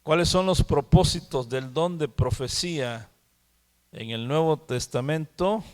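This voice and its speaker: A man teaches the Bible at a church prayer meeting. He talks slowly and keeps asking "¿sí?". His voice carries a long hall reverb. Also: a little high, a little mellow. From Mexico. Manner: slow, repeats words and asks "¿sí?". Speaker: preacher.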